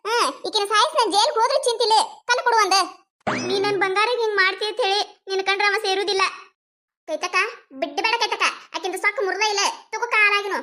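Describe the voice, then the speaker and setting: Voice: very high-pitched, fairly even intonation, fast, pushed and bright. A performer voicing a meddling village woman in a cartoon, cackling and egging others on. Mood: gleeful. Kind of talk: cartoon voice acting.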